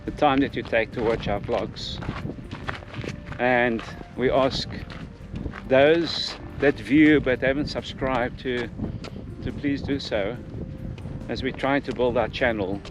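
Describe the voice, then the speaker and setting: A man's voice: medium pitch, takes it slowly. A man talking casually and earnestly as a vlog host on a hike, often repeating his phrases. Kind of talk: casual vlog talk while hiking. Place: outdoors on a walking trail. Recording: noisy outdoor recording. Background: clear outdoor ambient noise.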